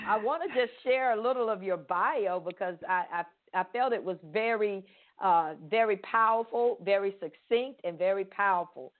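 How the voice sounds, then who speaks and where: A middle-aged woman from Florida hosts a faith-based podcast with earnest enthusiasm. She leans on repeated words for emphasis, in an ordinary middle pitch. Her voice is thin and tinny, as if heard over a phone. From Pensacola, Florida. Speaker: podcast host.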